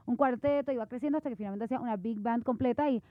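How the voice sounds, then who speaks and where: Una mujer de Puerto Rico con acento puertorriqueño, que conversa animada y entre risas, mezclando palabras en inglés. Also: female voice, on the high side, rapid-fire, no room sound. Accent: Puerto Rican Spanish. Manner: lively, laughing, mixes in English words. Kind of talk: casual chat. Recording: phone-like, dry sound.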